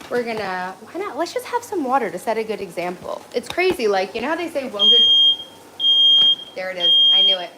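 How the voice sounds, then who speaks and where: A woman's voice: mid-range voice, very animated, a little fast. A woman live streamer chatting casually from home on a phone, blunt and easily sidetracked as she talks to viewers. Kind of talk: casual rambling chat with viewers. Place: indoors at home, moving between rooms. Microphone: phone, moving around. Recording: faint background noise.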